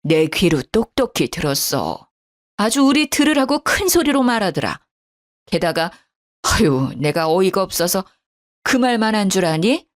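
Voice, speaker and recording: A woman's voice: medium pitch, sing-song, unhurried. A woman voicing an older mother calling her daughter, worried and outraged on her behalf. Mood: indignant. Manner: agitated, indignant chatter.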